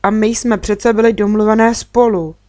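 A woman reading a storybook, voicing a cheerful, kind young girl who stays calm and friendly. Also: mid-range voice, no echo, clean studio sound, natural voice.

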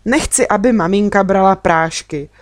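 A woman's voice: mid-range voice, no room sound, close to an everyday voice. Woman playing a weepy little boy, earnest, sniffly, storybook voice, dry sound. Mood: tearful. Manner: sobbing, pleading.

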